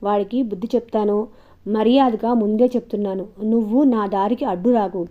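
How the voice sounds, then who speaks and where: A woman voicing a drunk, angry young village man who shouts bullying threats in a storybook reading. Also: medium pitch, fairly even intonation, brisk, phone-quality sound, lightly acted. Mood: furious.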